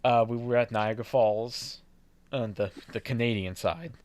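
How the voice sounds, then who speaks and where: A man's voice: medium pitch, normal speed, darkish tone. A young man co-hosting a podcast, chatting casually, rambling, swearing and laughing often. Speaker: podcast co-host. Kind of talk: casual chat.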